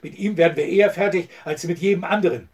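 A man reading the part of a blunt, rough male outlaw in an audiobook, speaking brusque and urging. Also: high-pitched, fast talker, distant mic.

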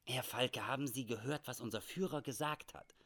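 A man's voice: mid-range voice, normal speed, fairly bright tone. A man reading aloud and voicing an older German settler who asks, pleads and grows indignant. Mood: asking.

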